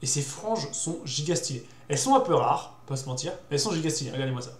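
Young man, casual explainer, slightly high voice, halting with fillers, echoey room. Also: lively intonation. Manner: hesitant, many fillers and repeated words; youthful slang. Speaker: host presenting dog breeds. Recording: roomy echo.

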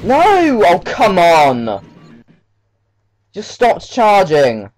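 A man's voice: high-pitched, wildly swooping pitch, very slow. Panicking male gamer over game music. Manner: panicking, exasperated gamer, yelping and protesting at the game. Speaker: gamer, let's play commentator. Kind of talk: live gameplay commentary.

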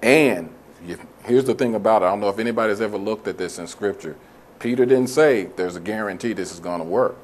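A man's voice: lowish voice, fairly quick, slight background noise. A man preaching a sermon as pastor, stressing key words and stretching out phrases for emphasis.

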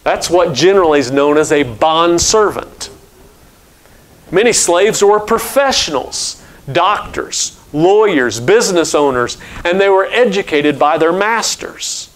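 Older man preaching a measured sermon. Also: a little high. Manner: explanatory teaching, steady and measured. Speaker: pastor. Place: church sanctuary at a pulpit.

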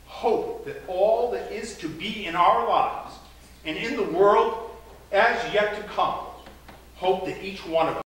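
In a large church sanctuary, a pastor with a high, slightly bright voice speaks slowly, giving friendly, joking announcements between formal prayers read to his congregation. The congregation murmurs in the background, and the audio is poor and very echoey.

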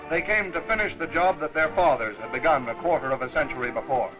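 A man giving brisk, declamatory scripted narration for an old newsreel. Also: fairly high pitch. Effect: old newsreel sound. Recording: dull lo-fi 1940s newsreel soundtrack with music. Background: music.

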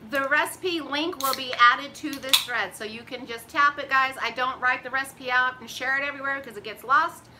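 Bright-voiced woman hosting live. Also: high-pitched, a little hiss or hum, low-quality recording. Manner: chatty, folksy, drawls "y'all". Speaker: keto cooking host. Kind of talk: casual live-stream chat. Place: home kitchen. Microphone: phone camera at arm's length.

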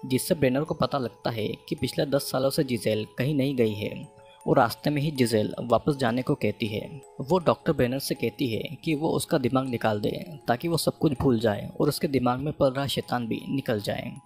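A man with a Hindi accent narrating a scripted movie plot recap in a steady, even storytelling manner. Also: medium pitch, normal speed. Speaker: movie explainer. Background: faint background music.

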